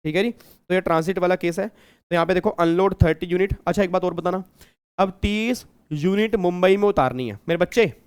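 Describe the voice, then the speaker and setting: A man's voice: high voice, a little fast, clean tone. A man from India teaching a customs tax class online, repeating points and quizzing his students. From Kurukshetra, India. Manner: teasing, repetitive, asks the class questions.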